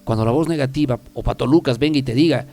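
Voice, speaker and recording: A man's voice: medium pitch, fast talker, mellow, faint music behind. A man hosting a self-help talk program, speaking emphatically and repeating key phrases for the listener. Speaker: self-help radio host. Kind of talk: motivational talk show monologue.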